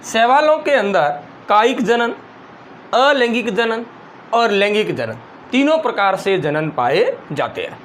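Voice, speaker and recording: A man with a high voice teaches a school biology class at an unhurried pace, repeating each phrase so students can copy it. A soft hum of air conditioning and distant traffic sits behind him. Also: sing-song. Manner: slow, repeats phrases for dictation. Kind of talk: school biology lesson, dictating notes.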